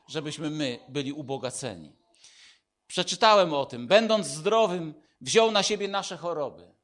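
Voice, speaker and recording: A man preaching a sermon, swinging between loud declarations and hushed, intimate lines. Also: on the high side.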